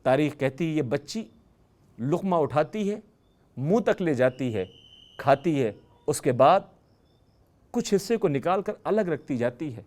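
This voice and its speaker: A male religious speaker tells a sacred story as an emotional sermon. His voice sits a little high, and he pushes up sharply in pitch and force at the moving moments. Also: expressive, pauses often, darkish tone. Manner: impassioned, with dramatic rises on lists and key phrases.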